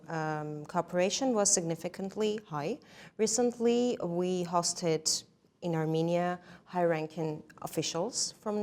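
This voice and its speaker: Lady host, lowish voice, formal prepared questions. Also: darkish tone. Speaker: interviewer, host.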